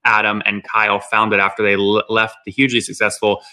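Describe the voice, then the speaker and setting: Brisk deep-voiced male host. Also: flat delivery, sharp tone. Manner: brisk, clipped, summarizing numbers. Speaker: podcast host. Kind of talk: business interview, quick questions.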